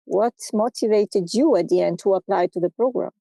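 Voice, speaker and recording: Gravelly-voiced woman hosting an interview. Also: medium pitch, brisk, no echo, poor audio. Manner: warm encouraging interviewer, frequent affirming murmurs. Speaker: podcast host and program founder. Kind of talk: interview conversation.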